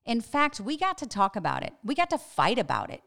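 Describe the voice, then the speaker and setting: A woman's voice: on the high side, huge pitch swings, a little fast, creaky, fairly bright tone. A middle-aged woman hosting a devotional podcast, teaching earnestly and asking her listeners searching questions. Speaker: podcast host and Bible teacher.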